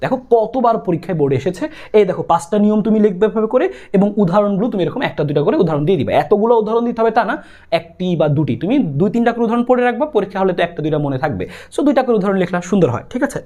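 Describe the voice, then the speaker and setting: A young man with a Bangladeshi Bengali accent, teaching an exam-prep grammar lesson in a quick, insistent way that keeps repeating the key points. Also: high-pitched, lively intonation, warm tone. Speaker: tutor.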